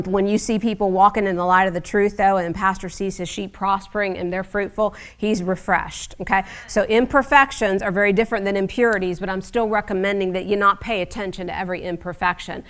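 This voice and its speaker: A woman's voice: medium pitch, steady tone, fairly quick. A middle-aged woman preaching a sermon in a conversational, wry teaching manner with frequent asides.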